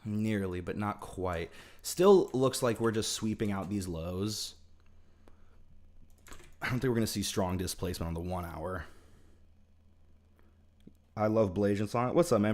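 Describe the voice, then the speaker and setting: Long pauses break up the talk of a young trading livestreamer who chats casually, calls out viewers by name and thinks aloud with many fillers. His voice sits on the low side with a darkish tone at a moderate pace, and whitening strips on his teeth make it sound a bit off.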